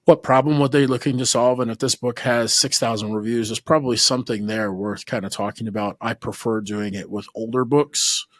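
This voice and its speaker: A man hosts a podcast in an easy, conversational way. He rambles a little and restarts his sentences as he thinks. His voice is mid-pitched and sits close and dry on the mic. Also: steady tone, fairly quick, few pauses, a bit bright, no echo. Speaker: podcast host. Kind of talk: casual interview chat.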